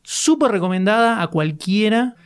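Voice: medium pitch, expressive, moderate pace, smooth. A podcast co-host with an Argentine accent, talking casually and praising things emphatically. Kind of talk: casual chat.

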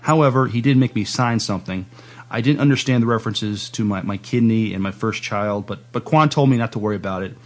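A man with a lowish voice hosts a playful, casual podcast interview. He speaks politely and haltingly, playing along with his guest.

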